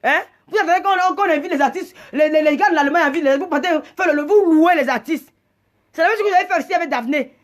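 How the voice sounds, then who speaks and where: Agitated female livestream host, very high pitch, indignant scolding delivery with stammered repeats. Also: fast. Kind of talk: heated live rant.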